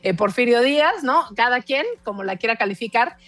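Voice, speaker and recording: A woman in her forties with a Mexican accent, a guest speaking in an animated, emphatic way on a casual podcast. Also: on the high side, brisk, no echo. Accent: Mexican Spanish. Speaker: guest language expert.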